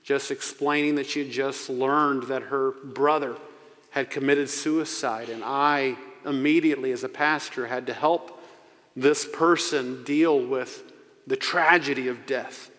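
A man in his forties preaching a sermon into a pulpit microphone as pastor. He speaks earnestly and slows down to stress key phrases. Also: mid-range voice, fairly even intonation, a bit bright. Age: 40s. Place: church sanctuary. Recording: long church reverb.

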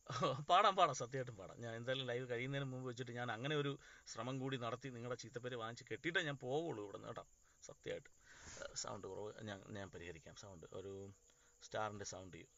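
A man's voice: medium pitch, quick pace, vocal fry, pushed and bright, no echo, muffled recording. A male actor on a phone live stream, casually chatting, reading out comments and greeting viewers by name.

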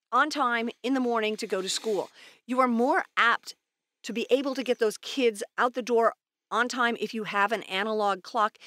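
A woman's voice: a little high, pushed and bright, dry recording, studio quality. A woman co-hosting a podcast, chatting casually and explaining ideas with everyday examples in an upbeat way. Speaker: podcast co-host. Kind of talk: casual chat. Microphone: studio microphone.

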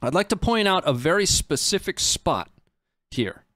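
Speaking into a close boom-arm desk microphone in a small indoor studio, a stream host in his thirties casually comments live on footage. His high voice is very animated and fairly bright, at normal speed with no echo.

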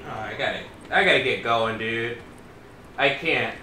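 A young man streaming a zombie game, loud and profane, shouting at the game as he plays. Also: medium pitch, unhurried. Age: young adult. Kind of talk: live gameplay commentary. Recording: echoey room, faint hiss.

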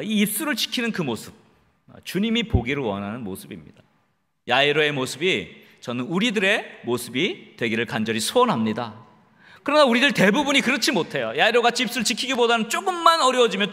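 A man's voice: high-pitched, bright, forceful tone. A middle-aged man preaching a sermon as a pastor in a church, dramatically acting out biblical voices and asking the congregation rhetorical questions. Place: church sanctuary. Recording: long hall reverb.

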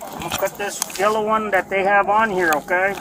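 A man's voice: sits high, steady tone, brisk. A male police officer informally explaining each step to a detainee and checking that he agrees. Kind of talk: instructing and questioning a detainee. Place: aircraft cabin, body-worn camera. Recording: noisy aircraft cabin body-camera audio.

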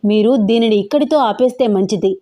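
A calm young man states his case firmly and evenly, read by a woman narrator. The voice stays mellow and warm. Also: mid-range voice, a little fast, natural voice.

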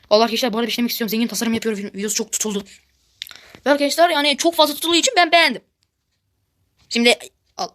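Girl youtuber doing game commentary, high voice, talks super fast, gets all shrieky. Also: slight background noise. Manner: excitable, repeatedly addresses viewers as friends; shrieks loudly when frustrated. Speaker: gaming YouTuber. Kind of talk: casual gameplay commentary.

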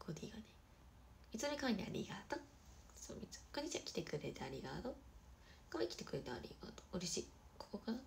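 A young woman hosting a casual livestream who chats quickly and brightly with viewers, often dropping to a soft murmur. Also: mid-range voice, sing-song, vocal fry, a little hiss or hum. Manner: fast-talking. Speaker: idol livestream host. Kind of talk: casual livestream chat reading viewer comments.

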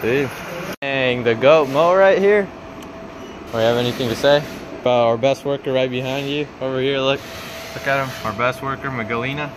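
Here a young man talks at normal speed in a mid-range voice, teasing his coworkers and laughing a lot as he films them for a casual vlog. He's on a large warehouse floor indoors, using a handheld phone camera, and the background warehouse noise is loud.

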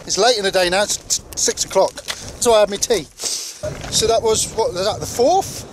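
A man's voice: high-pitched, moderate pace. Chatty hiker man on a windy summit. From England. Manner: chatty, down-to-earth, slightly out of breath on the climb. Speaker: hiking vlogger. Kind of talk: casual chat to camera while hiking. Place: outdoors on a windy rocky mountain summit. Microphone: handheld camera at arm's length.

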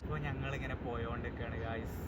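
A chatty man walks a resort with his phone in hand. He keeps checking with his family that everything is all set. A steady noisy hum sits under his voice. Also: medium pitch, fast talker. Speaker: vlogger. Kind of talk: casual tour vlog. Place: resort, walking around. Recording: steady background noise.

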